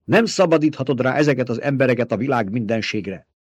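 A man voicing a severe old female truthsayer in an audiobook, speaking in an urgent, hushed way. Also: medium pitch, animated, breathy edge, dry recording, pitched above the performer's own voice. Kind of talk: audiobook reading.

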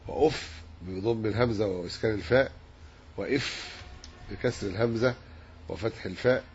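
A man teaching a religious lesson, measured and explanatory as he works through a hadith commentary. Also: lowish voice, a little mellow. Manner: measured, explanatory, dwells on word forms. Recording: dull lo-fi recording with faint hiss.

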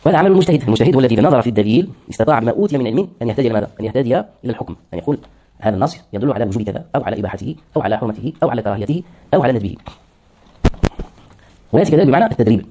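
A male lecturer talks through definitions at a rapid clip. His voice is dark and mellow. He keeps asking rhetorical questions and answering them himself. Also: medium pitch, expressive. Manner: explains terms, asks and answers his own questions. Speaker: lecturer in hadith sciences. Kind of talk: classroom lecture.

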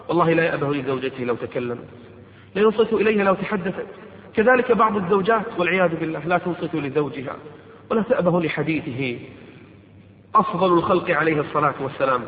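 A man preaching a sermon, pleading with his listeners in an impassioned way. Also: a little high. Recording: echoey hall, tinny narrow sound.

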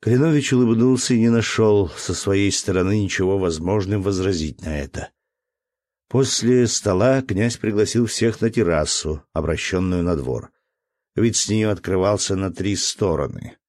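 A man narrating a classic novel in a measured, even reading. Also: low voice, no room sound, clean studio sound. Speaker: audiobook narrator.

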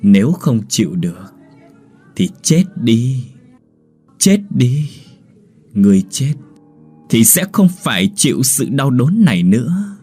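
A man's voice: medium pitch, big pitch swings, takes it slowly, pauses often, dark tone, breathy edge, soft background music, exaggerated voice. A man voicing eerie ghostly whispers urging death. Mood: menacing. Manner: eerie, insistent, rising.

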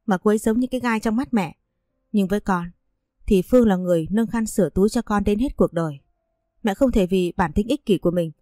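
A woman's voice: medium pitch, mellow, no room sound, studio quality, close to an everyday voice. A woman voicing an earnest young husband who pleads with his mother to defend his wife.

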